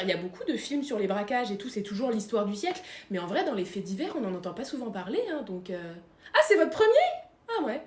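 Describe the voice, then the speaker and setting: Woman playing a timid stammering robber. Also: on the high side. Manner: quiet, hesitant, stammering. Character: timid, apologetic female bank robber. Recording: echoey room.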